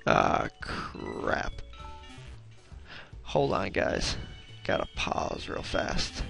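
A young man commenting on his own gameplay, excitable and profane, groaning and exclaiming at every setback. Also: extremely slow, faint music behind.

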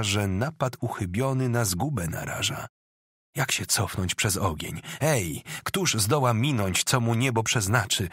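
A man's voice: on the low side, a bit bright, breathy edge, no room sound, clean studio sound. A man reading epic verse aloud as an audiobook narrator, declamatory and rhythmic.

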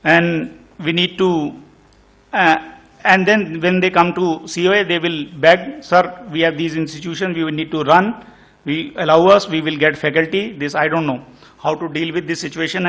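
Middle-aged indian guy on a panel, concerned tone, bit high pitched, keeps restarting. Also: steady tone, moderate pace, fairly bright tone. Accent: Indian English. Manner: earnest, concerned, many restarts. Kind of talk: panel discussion remarks. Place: conference hall panel table. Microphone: table microphone on stand.

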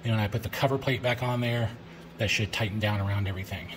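A man's voice: on the low side, steady tone, quick pace, roomy sound, background noise. A middle-aged man giving a casual, step-by-step how-to walkthrough in a large garage, with the occasional filler word as he explains. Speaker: DIY home improvement vlogger. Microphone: camera on tripod, across the garage.

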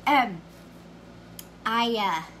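A woman's voice: on the high side, animated, extremely slow, a bit bright, a little hiss or hum. A middle-aged woman hosts a casual live craft demo, chatting and greeting viewers by name. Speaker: craft livestream host.

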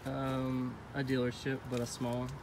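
Young guy doing a casual vlog, average pitch, bit of noise on the phone mic. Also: completely flat delivery, normal speed. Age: young adult. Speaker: vlogger. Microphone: phone at arm's length. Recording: slightly noisy phone recording.

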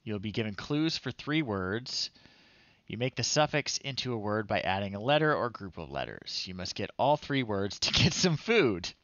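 A man in his thirties hosts a livestream, chatting wryly to himself, thinking out loud and reading on-screen text as he plays. His voice sits lowish with big swings in pitch at a normal speed. The recording is dry and sounds dull.

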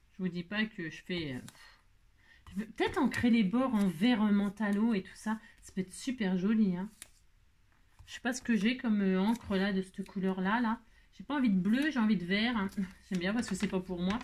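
A woman's voice: mid-range voice, a little mellow, a little hiss or hum. A tired woman hosting a casual crafting tutorial, chatty and self-mocking, talking straight to her viewers.

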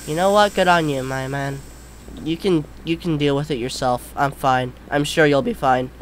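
A man doing jumpy, scared horror game commentary as a streamer, yelling and swearing freely. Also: fairly high pitch, moderate pace. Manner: foul-mouthed. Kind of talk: let's play commentary.

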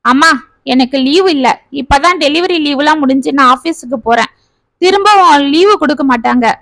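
A woman playing a proud young mother in a spoken storybook. She sounds high and clear in a dry, close recording. She is headstrong and easily worried. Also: moderate pace, fairly bright tone, no echo. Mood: defiant. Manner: defiant, anxious.

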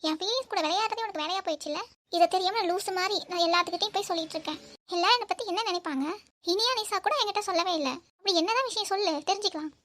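Cartoon role: an angry young lover, very high, rattles off reproaches. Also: female voice, very fast, fairly bright tone. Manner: reproachful, demanding. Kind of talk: cartoon voice acting.

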